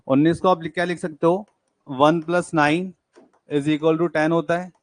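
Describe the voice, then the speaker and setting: A young man teaching an exam-prep class, working through puzzles by counting digits aloud, briskly urging students on. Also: on the high side, steady tone, no room sound. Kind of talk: live classroom lecture.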